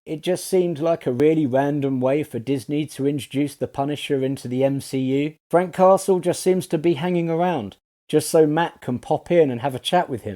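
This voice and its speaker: A man's voice: on the high side, mellow. A man reading a scripted review voice-over of a TV series, sarcastic and full of swearing. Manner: sarcastic, profane, ranting.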